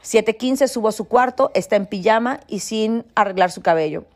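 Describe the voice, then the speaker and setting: A woman's voice: medium pitch, moderate pace. A middle-aged woman gives parenting advice in casual talk and reads passages from a book, earnestly addressing listeners and often checking in with "¿sí?". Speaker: mother giving parenting advice.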